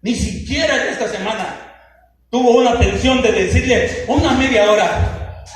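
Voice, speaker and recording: Male pastor, Mexican accent, high voice, sermon with acted-out dialogue and shouting peaks; distant mic, heavy church echo. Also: normal speed. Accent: Mexican Spanish. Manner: preaches to the congregation, rising to shouts; acts out short dialogues in changed voices. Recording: echoey church hall from far off, faint noise.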